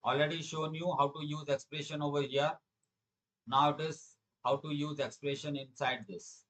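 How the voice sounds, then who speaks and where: A middle-aged man speaks with an Indian accent in a fairly high register. He teaches like an online programming instructor, repeating key phrases and putting questions to his students. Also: steady tone, moderate pace, a bit bright, low-quality recording. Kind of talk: live online lesson, explaining quiz questions.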